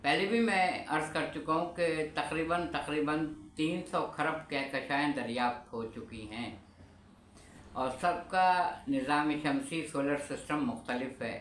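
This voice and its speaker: A man giving a religious lecture in a measured, explanatory way, pausing on key terms. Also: on the high side, a bit bright, slight background noise. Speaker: religious speaker. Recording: echoey room with faint ambience.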